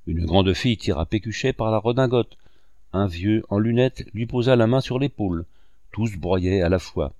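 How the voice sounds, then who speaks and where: A man narrating a classic novel in a measured, inflected reading voice. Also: on the low side, dry recording. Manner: measured, with lively rising and falling inflection. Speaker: audiobook narrator.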